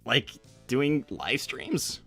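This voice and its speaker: A man's voice: mid-range voice, very animated, very slow, creaky, fairly bright tone, husky, dry recording, soft background music, exaggerated voice. A man voicing a casual, slightly awkward young cartoon hedgehog, rambling hesitantly through an improvised livestream Q&A. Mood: awkward, friendly.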